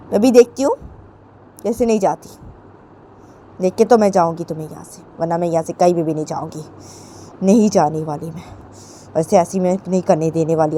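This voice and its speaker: A woman voicing an angry mother who scolds her grown daughter with shrill, insistent repetition. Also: mellow, a little hiss or hum, close to an everyday voice. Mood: defiant.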